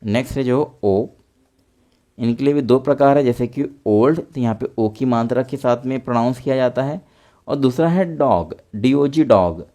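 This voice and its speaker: A man teaching English pronunciation in a patient, repetitive way, spelling out words letter by letter and then saying them slowly. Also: medium pitch, warm tone. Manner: patient, repetitive explaining, addresses viewers as friends. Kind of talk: explanatory online lesson.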